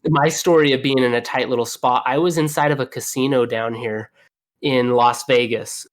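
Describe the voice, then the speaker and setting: A young man, a plumber guest, telling stories in a casual, animated way with lots of fillers. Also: medium pitch, moderate pace. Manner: animated, laughing storyteller with fillers. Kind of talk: casual storytelling.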